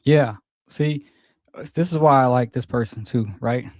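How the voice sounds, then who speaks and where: A man's voice: medium pitch, normal speed, darkish tone, no room sound, studio quality. A man streaming and reacting to clips, talking in a laid-back, rambling, profane way and often repeating himself. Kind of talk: casual reaction commentary.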